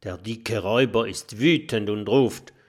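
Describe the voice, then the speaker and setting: A man narrating a children's storybook in an expressive storytelling manner. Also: lowish voice, unhurried. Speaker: audiobook narrator.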